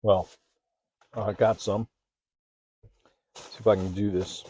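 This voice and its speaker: A man's voice: on the low side, little pitch movement, takes it slowly, dark tone, a little hiss or hum. Chatty man tasting food on camera. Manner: chatty, eats while talking, mouth full at times. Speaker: food vlogger. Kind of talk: casual food tasting vlog. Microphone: handheld phone or camera.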